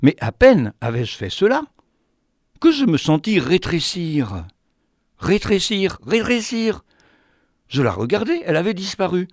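A man narrates a strange fable in an animated, theatrical way. His voice sits a bit high and swings widely in pitch. The sound is close and dry, with no room around it. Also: normal speed, no room sound. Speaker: storyteller. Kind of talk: expressive narration of a fantastic tale.

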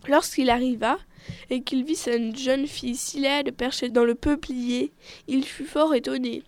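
High-voiced woman reading a fairy tale. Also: no room sound. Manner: expressive, measured storytelling. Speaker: storyteller.

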